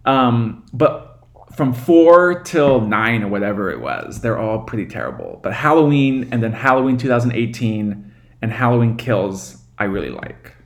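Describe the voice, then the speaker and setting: Male podcast guest, mid-pitched, enthusiastic, casual and rambling delivery. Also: lively intonation, moderate pace. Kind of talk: casual chat.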